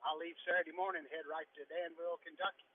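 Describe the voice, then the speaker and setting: A man's voice: on the high side, level tone, quick pace, no echo. A chatty magician and comedian on a call from his car, his voice muffled as if talking through a tube. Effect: muffled phone line, as if talking through a tube. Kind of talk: casual phone interview. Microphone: cell phone. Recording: tinny phone line with faint noise.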